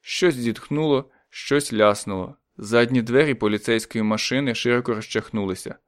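A man narrating a story in a calm, measured audiobook reading. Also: mid-range voice, no room sound, studio quality.

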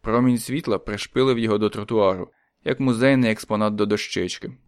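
A man narrating a story in a calm, measured audiobook reading. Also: fairly low pitch, clean tone, dry recording, studio quality.

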